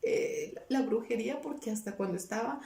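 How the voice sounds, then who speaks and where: A woman's voice: on the high side, fairly quick, creaky, warm tone, a little hiss or hum. Earnest woman telling her testimony, roomy sound. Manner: earnest, repeats words, quotes her own past pleas. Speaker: guest giving a testimony. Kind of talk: personal testimony, emotional storytelling. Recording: roomy, somewhat distant from the mic.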